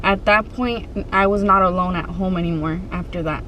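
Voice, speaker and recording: A woman vlogger telling a personal story to her viewers in a casual, conversational way, pausing and restarting as she goes. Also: fairly low pitch, steady tone, pushed and bright, slight background noise, rough recording.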